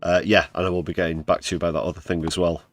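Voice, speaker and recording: A man's voice: low voice, flat delivery, fast, soft background music. A man from the United Kingdom hosting a livestream, giving casual, wry commentary on news clips with sarcastic asides. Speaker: livestream host.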